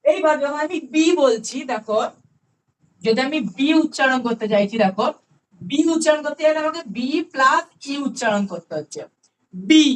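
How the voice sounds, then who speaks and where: A woman with a Bengali accent teaching an online grammar class, explaining patiently, repeating key words slowly and checking that students follow. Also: sits high, lively intonation. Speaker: English grammar tutor.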